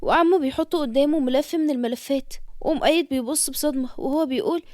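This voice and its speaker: A woman with an Egyptian accent tells a scripted story in a brisk, expressive way. Her voice sits high and moves quickly, recorded close and dry. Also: no echo. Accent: Egyptian Arabic.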